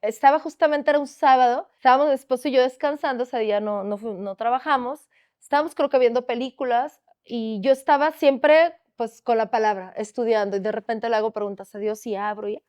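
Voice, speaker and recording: A woman hosting a faith podcast, telling a personal testimony in an earnest, animated way with vivid quoted dialogue. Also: fairly high pitch, a little fast, clean tone. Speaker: podcast host sharing a testimony.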